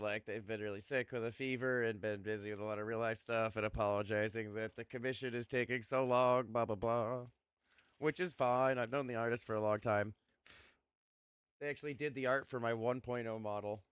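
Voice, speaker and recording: A man's voice: mid-range voice, fairly bright tone, smooth, no room sound, clean studio sound. A young man streaming, chatting casually and rambling with lots of fillers and the odd swear word.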